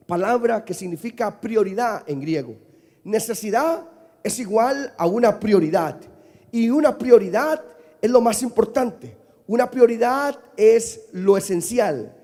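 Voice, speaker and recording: A male pastor preaching a sermon, leading the congregation in call-and-response and building up to shouts. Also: high voice, big-room sound. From Costa Rica. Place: church sanctuary.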